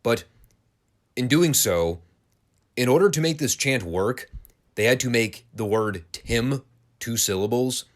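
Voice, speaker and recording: A man's voice: mid-range voice, expressive, a little slow. A man hosting a wrestling podcast, giving a casual, sarcastic and crude play-by-play review of an old broadcast. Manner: sarcastic, crude, dry humor.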